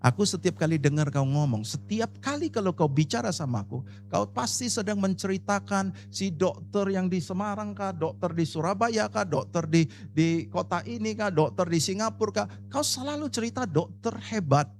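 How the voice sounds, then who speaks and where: A male pastor with a high voice that swings widely in pitch as he preaches. He talks to the congregation directly and emphatically, mixing scripture with a personal story. A faint hum sits under the recording. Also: animated, normal speed. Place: church service.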